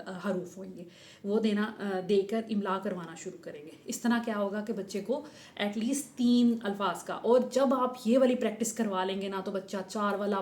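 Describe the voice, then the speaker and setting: A woman's voice: mid-range voice, darkish tone. Patient woman teaching Urdu letters, echoey. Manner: patient, explains letter by letter, often adds "theek hai"; mixes many English words into her Urdu. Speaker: Urdu teacher giving tips to parents. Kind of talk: home-teaching tutorial.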